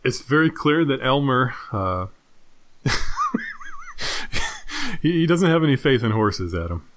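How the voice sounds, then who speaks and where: A man's voice: mid-range voice, very animated, measured pace, a bit bright, a little hiss or hum. A man co-hosting a casual movie review podcast, playful and laughing often. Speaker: podcast co-host.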